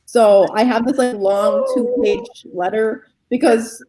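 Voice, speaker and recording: A woman's voice: on the high side, huge pitch swings, slow, dark tone, slight background noise, low-quality recording. A young woman hosting a casual group video call, chatty and giggly, often laughing at herself. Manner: giggly, chatty, self-deprecating. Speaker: host.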